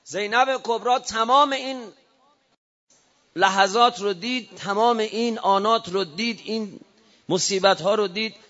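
A man's voice: high-pitched, a bit bright, dull audio. A man preaching an emotional memorial sermon, his delivery swelling and falling. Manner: rising and falling emotional oratory.

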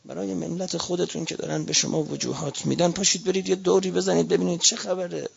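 A man with a Persian accent from Qom, a cleric preaching a fiery sermon, swinging from quiet reasoning to shouted rhetorical appeals. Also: high voice, level tone, creaky, husky. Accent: Iranian Persian, Qom. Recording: dull lo-fi recording.

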